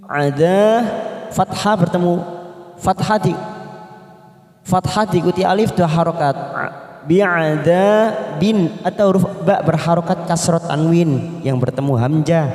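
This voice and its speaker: High-voiced man over-enunciating in echoey reverb. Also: darkish tone. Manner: over-enunciating, deliberate, syllable-by-syllable articulation. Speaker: Quran reading teacher. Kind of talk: tajwid lesson with melodic recitation demonstrations. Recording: echoey room with long reverb.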